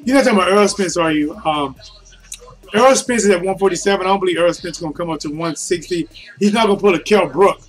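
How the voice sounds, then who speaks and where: High-pitched man giving casual fight commentary. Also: fast, low-quality recording. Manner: colloquial, addresses listeners as guys and man. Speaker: boxing commentator streaming to viewers.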